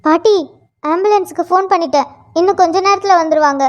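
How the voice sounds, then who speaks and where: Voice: extremely high pitch, quick pace, highs cut off. A performer voicing an eager, helpful little girl in a cartoon. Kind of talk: cartoon voice acting.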